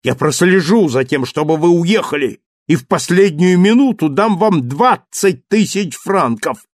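A man voicing a frantic, passionate young man who shouts in impassioned outbursts in an audiobook reading. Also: a little high, animated, measured pace, no room sound, studio quality, voice pushed up. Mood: furious.

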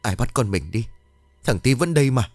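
A man voicing a young husband who patiently coaxes his distraught wife to calm down. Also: mid-range voice, moderate pace, dry recording, soft background music. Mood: soothing. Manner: calming, gentle coaxing.

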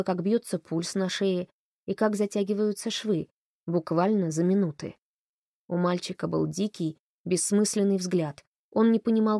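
A woman narrating an audiobook in an expressive, even storytelling manner. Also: lowish voice, creaky, no room sound, studio quality. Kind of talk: scripted narration.

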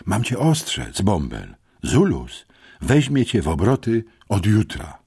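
A man reading an audiobook, voicing a hoarse, embarrassed teenage boy who calmly delivers gang threats. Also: on the low side, slow, no echo, studio quality, pitched above the performer's own voice, heavily acted. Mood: calmly menacing. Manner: calm, smoothly menacing. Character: hoarse, sly teenage schoolboy racketeer messenger.

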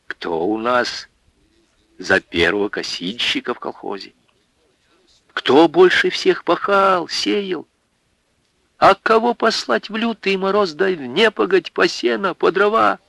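A man's voice: fairly high pitch, gravelly, sharp tone, no room sound, voice pushed up, full character voice. A man doing a tearful, grateful village woman, Anfisa.

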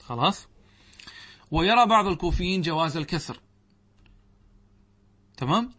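A middle-aged man with a fairly high voice teaches a grammar lesson. He works through each point step by step, posing questions to his students and then answering them himself. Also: expressive, moderate pace, pushed and bright, husky. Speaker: sheikh teaching Arabic grammar. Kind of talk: classroom lesson commentary.

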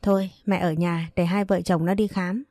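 A woman's voice: lowish voice, steady tone, normal speed, dark tone, dry recording, studio quality, natural voice. A woman voicing a blunt, teasing elderly grandmother in a read-aloud storybook.

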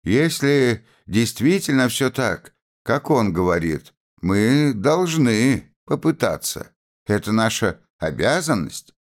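A man's voice: on the low side, expressive, measured pace, pitched above the performer's own voice. A man reading aloud voices a stern, earnest young woman revolutionary who speaks firmly and takes offense easily, raising his voice noticeably. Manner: earnest, firm, at times hurt.

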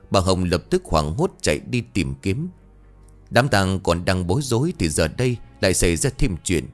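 A man reading a ghost story aloud in a dramatic, measured way. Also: low-pitched. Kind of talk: scripted ghost story narration. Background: faint music.

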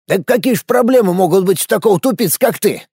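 A man voicing a grumpy, sharp-tongued old grandfather mage in an audiobook, with a mocking, scolding drawl. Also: sits high, lively intonation, fast, slightly rough, no echo, studio quality, voice pushed up, full character voice.

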